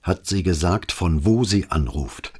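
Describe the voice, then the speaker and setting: A man's voice: low voice, animated, unhurried, a little mellow, slightly rough, full character voice. A man voicing a stern, controlled police commissioner who asks firm, insistent questions.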